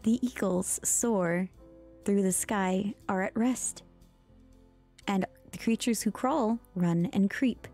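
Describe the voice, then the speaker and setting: A woman streamer giving a soft ASMR-style storybook reading, speaking gently, dipping into whispers and making mock-exasperated asides. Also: mid-range voice, slow, soft background music.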